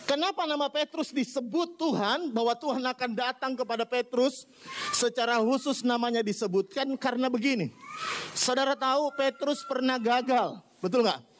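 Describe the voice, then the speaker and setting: High-pitched guy preaching, keeps asking the crowd questions. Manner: animated preaching, sprinkles Javanese words, asks the congregation. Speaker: pastor. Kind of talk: sermon.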